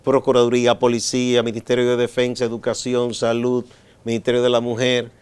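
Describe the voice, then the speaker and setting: A man with a Dominican Spanish accent leads a studio talk show discussion. He speaks in a measured, explaining way and fills his pauses with "eh". His pitch sits in an ordinary middle range. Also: monotone, clean tone. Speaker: host.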